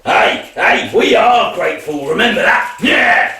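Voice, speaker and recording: A man voicing a grumpy farm pig with a gruff, very low voice. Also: lively intonation, a little slow, sharp tone, heavily acted. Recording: echoey room from a distance with faint music.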